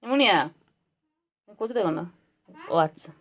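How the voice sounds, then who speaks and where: A woman's voice: fairly high pitch, animated, unhurried. A woman talking to her pet cat at home, repeating herself in coaxing, mock-scolding baby talk. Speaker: cat owner vlogger.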